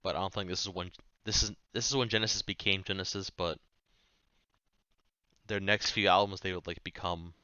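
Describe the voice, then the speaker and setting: A man's voice: sits low, steady tone, a little fast, sharp tone, clear, resonant tone, no room sound, muffled recording. A man reviewing music in a rambling, offhand way, swearing casually. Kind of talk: casual chat.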